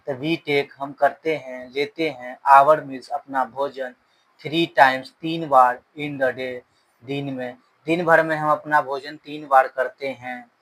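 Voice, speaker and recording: A male teacher talks through an English story word by word and explains each word in Hindi. His delivery is slow and measured. His pitch stays level and seldom rises or falls. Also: fairly even intonation, a bit bright, rough recording. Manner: reads English words slowly, then explains in Hindi; repeats rules. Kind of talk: slow bilingual grammar lesson.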